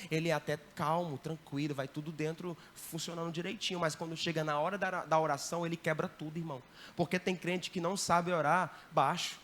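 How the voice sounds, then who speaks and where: A man, a missionary giving a lively church training talk and often checking in with the audience. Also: fairly high pitch, a little hiss or hum. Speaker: missionary teaching evangelism. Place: church hall.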